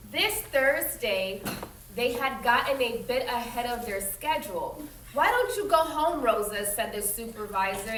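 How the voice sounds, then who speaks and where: A teacher with a slightly high voice reads a picture book aloud to children, expressive and instructive, pausing to explain things simply. The recording has a clear roomy echo, a somewhat distant mic and faint background noise.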